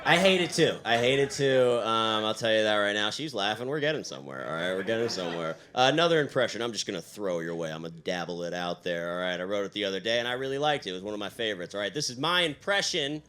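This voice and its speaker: A young man doing a deadpan stand-up set on a stage mic, padding his lines with fillers and "all right?". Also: on the low side, fast, few pauses. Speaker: stand-up comedian.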